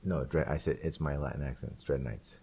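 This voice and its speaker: Deep-voiced man recounting a game. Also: fast, vocal fry, slightly rough. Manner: rambling, animated storytelling with laughs and restarts. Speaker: podcast co-host. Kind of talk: casual chat.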